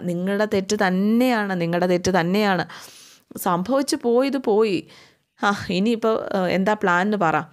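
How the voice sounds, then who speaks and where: A woman's voice: mid-range voice, natural voice. A woman voicing a blunt middle-aged man who lectures his nephews in a retold family story. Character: older man, blunt scolding uncle figure.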